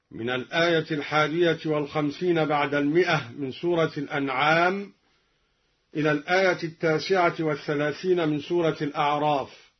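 A man teaching a Quran recitation reading, switching between plain explanation and slow melodic chanting of the verses. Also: on the high side, slightly rough, highs cut off.

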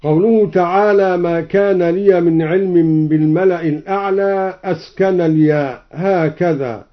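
A man teaching Quranic reading variants, explaining each in measured speech and then chanting the verse melodically. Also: high-pitched, steady tone, lo-fi sound.

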